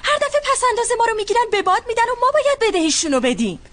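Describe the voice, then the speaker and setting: A young woman dubbing a sharp-tongued niece who talks back to her elders with indignation. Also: sits high, sing-song. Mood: defiant. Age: young adult. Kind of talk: dubbed drama acting.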